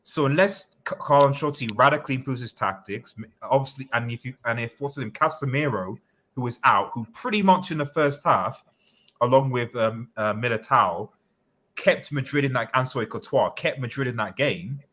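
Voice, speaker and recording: Man, mid-range pitch, bright forceful tone, football pundit, casual analysis, hesitant repetitive delivery. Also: brisk. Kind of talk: casual post-match analysis chat.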